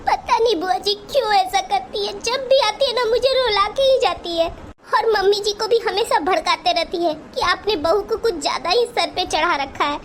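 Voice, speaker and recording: A woman's voice: very high voice, moderate pace, fairly bright tone, a little hiss or hum. A woman voicing a meek young daughter-in-law in a Hindi cartoon, pleading and apologetic. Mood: tearful.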